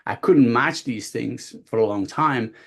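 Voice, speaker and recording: A man's voice: medium pitch, measured pace, vocal fry. A man from Belgium in his fifties, a body language coach telling his life story on a video call, with many restarts and quoted voices. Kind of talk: casual storytelling.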